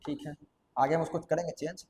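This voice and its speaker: A man's voice: fairly high pitch, steady tone, brisk, a little mellow. A man teaching a classroom math lesson, repeating key terms and quizzing students aloud. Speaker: coaching teacher. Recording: echoey room with long reverb.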